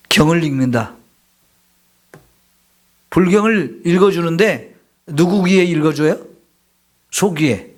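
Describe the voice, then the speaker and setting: Middle-aged male pastor, high voice, emphatic church sermon with acted-out confessions. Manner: emphatic preaching, acts out confessions in raised voice.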